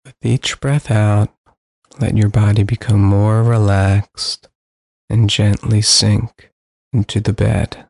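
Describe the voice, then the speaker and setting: A man leads a guided sleep meditation in a low, gravelly voice. He speaks slowly, evenly and soothingly, with long pauses between phrases. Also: steady tone, a little mellow, no echo.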